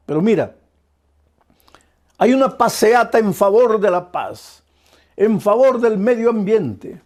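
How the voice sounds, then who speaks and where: A pastor delivers an evening sermon in a noticeably high male voice. He talks straight to the listener in an earnest tone. He stacks up repeated phrases, and his pace keeps shifting between quick runs and slow stresses. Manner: earnest preaching, speaking directly to the listener.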